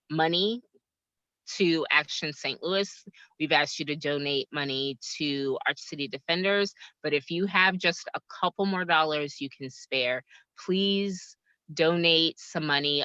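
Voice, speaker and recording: Woman organizer, low, slow and bright, earnest pleading tone, lo-fi video call audio. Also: smooth, no echo. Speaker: organizer speaking at a community meeting. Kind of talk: casual meeting remarks.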